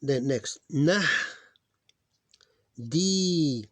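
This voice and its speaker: A man teaches a phonics lesson over on-screen writing, patiently spelling out syllables, slowly repeating sounds, and correcting himself as his voice tires. His voice is fairly high and animated, recorded with no room sound.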